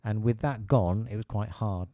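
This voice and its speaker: A man's voice: lowish voice, moderate pace, dark tone, no echo. A middle-aged British man talking in a casual podcast conversation, hesitant with many restarts and fillers. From Britain.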